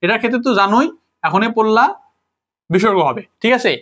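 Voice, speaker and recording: A man's voice: high voice, brisk, fairly bright tone. A man teaching a grammar lesson to students, repeating words, asking rhetorical questions and correcting his own slips. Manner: self-correcting, apologizes for slips. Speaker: grammar tutor. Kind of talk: informal classroom lesson, addressing students. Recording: dull lo-fi recording.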